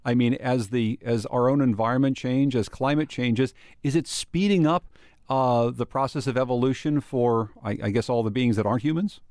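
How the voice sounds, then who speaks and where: A man's voice: medium pitch, moderate pace, a little mellow, no room sound, clean studio sound. A man hosting a radio call-in interview in an informal, inquisitive way. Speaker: call-in show host.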